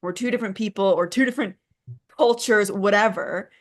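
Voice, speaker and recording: A woman's voice: mid-range voice, a little fast. Woman, interview host, enthusiastic, affirming, reflective, conversational. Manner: enthusiastic, affirming, thinks aloud.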